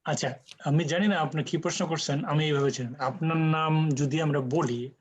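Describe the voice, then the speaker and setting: A man's voice: fairly high pitch, moderate pace, slightly rough, highs cut off. Patient man teaching over a call. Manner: patient, explains with examples, mixes in English. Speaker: Quran Arabic teacher. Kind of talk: online class discussion.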